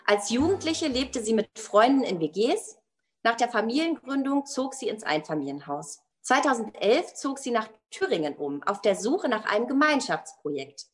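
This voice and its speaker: A woman's voice: fairly high pitch, big pitch swings, moderate pace. A woman giving a scripted narration that introduces the next storyteller. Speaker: podcast narrator.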